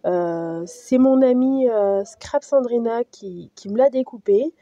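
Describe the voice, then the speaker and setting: A woman talking through a craft tutorial in a casual voice-over, hesitant, with many fillers and pauses. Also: fairly high pitch, dark tone, no echo, dull audio. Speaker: craft vlogger.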